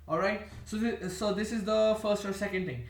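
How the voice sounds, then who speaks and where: Far from the microphone, an Indian man with a high voice talks to camera as a vlogger, his first language being an Indian language. His monologue rambles and meanders, full of restarts and self-corrections, though his tone is steady and his speed normal. A roomy echo surrounds the off-mic sound.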